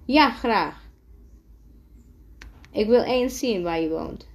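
A woman voicing a cheerful, curious little witch girl in a read-aloud storybook, in a slow, bright and eager voice. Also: on the high side, lively intonation.

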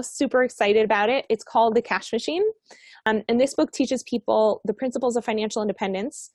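A woman's voice: a little high, no room sound, clean studio sound. A woman in her forties from Colombia, a guest author talking casually and with enthusiasm in an interview. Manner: upbeat, enthusiastic.

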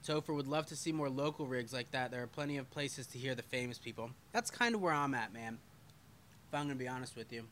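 Guy doing a live podcast stream, reading chat out loud, bright punchy voice, swears a bit and laughs at himself. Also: mid-range voice, fast, a little hiss or hum. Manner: loose and swearing, with self-deprecating asides.

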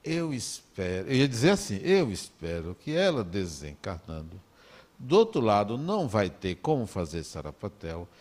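A man with a Brazilian Portuguese accent, giving a talk in an animated, conversational storytelling way. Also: mid-range voice. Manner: animated, conversational, acts out dialogue.

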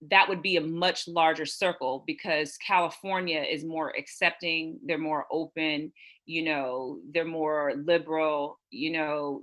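Bright-voiced American woman, reflective. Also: sits low. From Houston, USA. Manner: reflective, rambling with frequent "you know" and "it's like". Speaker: novelist guest. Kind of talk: casual interview chat.

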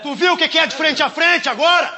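A man shouting and laughing from far off in a noisy, echoey clip. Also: extremely high pitch, fast talker.

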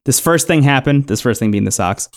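A man co-hosting a podcast, recapping a reality show episode in a relaxed, rambling way with lots of fillers. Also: mid-range voice, a little fast. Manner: relaxed storytelling, many "like" and "um" fillers. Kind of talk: casual chat.

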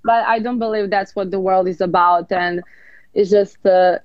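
A woman's voice: mid-range voice, steady tone, moderate pace, no echo, dull audio. A woman in her twenties from Serbia, a guest talking openly and unhurriedly in a casual interview. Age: 20s.

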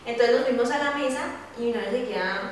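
A young woman tells a lively story in a casual round-table chat and swears offhandedly as she goes. Her voice sits a little high. The room is strongly echoey, with a long reverb tail, and the mic is set some way off. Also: quick pace, recorded from a distance, a little hiss or hum. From Colombia. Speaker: podcast host.

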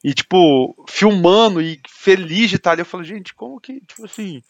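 A man's voice: high voice, moderate pace, no echo. A man in casual podcast chat, talking in a heated, indignant way and filling his speech with slang.

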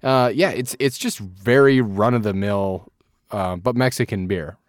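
A man with a Wisconsin accent co-hosts a beer review podcast, rambling casually and a bit crudely. His voice is on the low side and measured in pace, recorded at studio quality without echo.

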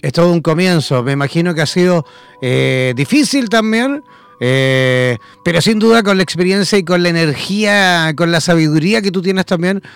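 Host of an online talk show, a man who emcees with enthusiasm and formal introductions. His voice sits high with some gravel, over faint background music.

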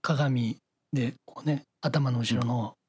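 A man's voice: mid-range voice, fairly even intonation, slow, husky. A man with a Kyoto accent hosting a podcast in casual, joking chat. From Kyoto, Japan. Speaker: podcast host.

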